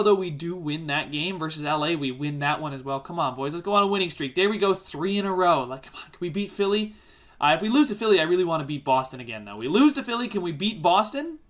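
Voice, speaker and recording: A man giving casual let's-play commentary, rambling and exasperated, often correcting himself as he talks fast. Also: on the high side, a bit bright. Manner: fast-talking. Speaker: gaming YouTuber.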